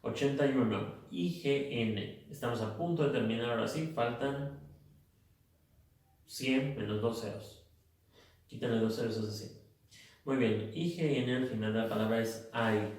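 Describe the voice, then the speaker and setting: A man teaching English pronunciation in a slow, methodical way, drilling word lists one by one. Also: medium pitch, darkish tone. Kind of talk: recorded phonics lesson. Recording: echoey room, mic far off.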